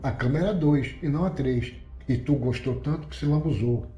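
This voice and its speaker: A man's voice: a little high, a little fast, warm tone, highs cut off, faint music behind, lightly acted. Airan, a man voicing a venomous scheming woman. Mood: taunting. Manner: mocking, venomous. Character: taunting scheming young woman. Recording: roomy echoey recording.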